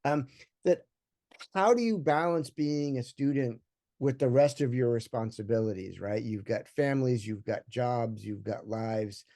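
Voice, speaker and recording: A man moderating a panel discussion, talking in a relaxed, conversational way with many fillers. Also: mid-range voice, a little slow.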